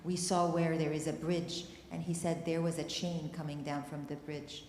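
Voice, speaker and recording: At a community discussion in a church hall, a panel speaker from Palestine recounts a personal experience, her voice low, level, a little mellow and at normal speed. Emotional and earnest, she seems close to crying. The recording picks up the hall's echo and faint noise.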